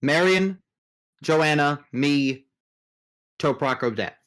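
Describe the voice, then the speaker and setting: Slow-paced game master narrating. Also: mid-range voice, big pitch swings. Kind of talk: narrating a tabletop role-playing game.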